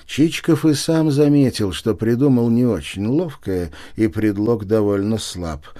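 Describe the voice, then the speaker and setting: A man narrating a classic novel aloud in an expressive storytelling manner. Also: lowish voice, unhurried. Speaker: audiobook reader. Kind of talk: scripted literary narration.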